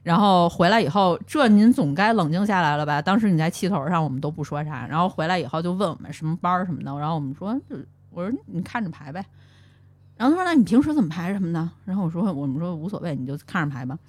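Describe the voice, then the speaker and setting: A middle-aged woman, a guest recounting a workplace story in lively casual chat. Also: lowish voice, fast, no echo. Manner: lively storytelling, mimics others.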